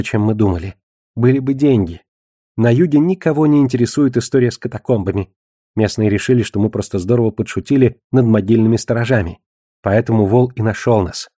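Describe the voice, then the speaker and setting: A man's voice: mid-range voice, fairly quick, dark tone, no room sound, studio quality, natural voice. A man reading an audiobook, voicing a shaken young man who tells his story plainly. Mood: earnest.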